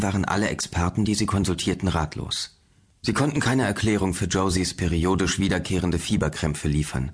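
Audiobook narrator, male, very low and husky, tense measured delivery. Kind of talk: scripted narration.

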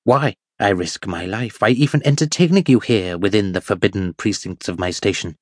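Man putting on a high, querulous old miser, greedy and fearful, for an audiobook. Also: moderate pace, darkish tone, no room sound, studio quality, lightly acted. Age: older. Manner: shrill, wheedling and querulous. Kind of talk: audiobook character voice.

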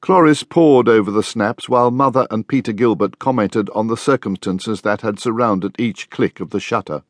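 A man narrating an audiobook in the first person with a wry, measured delivery. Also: fairly low pitch, no room sound, clean studio sound.

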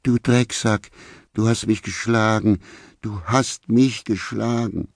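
A man voicing a shrill, furious woman who screeches accusations at her partner in an audiobook. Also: expressive, takes it slowly, a little mellow, no room sound, studio quality. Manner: screeching, hysterical. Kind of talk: audiobook character voice.

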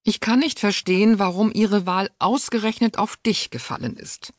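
A woman's voice: medium pitch, normal speed, no echo, clean studio sound, pitched above the performer's own voice, lightly acted. A woman voicing a stern, disdainful aristocratic aunt who speaks sharply and impatiently. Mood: cold, scornful.

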